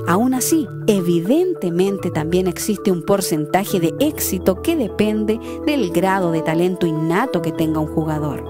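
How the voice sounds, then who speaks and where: A woman delivers scripted narration from a prepared text in a lively, animated voice with a somewhat low pitch. Clear music plays behind her. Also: unhurried, few pauses.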